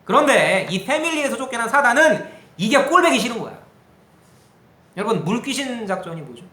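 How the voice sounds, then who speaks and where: A man's voice: very high-pitched, fairly quick, roomy sound. A man preaching a sermon to a youth group as their pastor, asking the listeners questions and acting out quotes. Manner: animated, asks the group questions, acts out quotes.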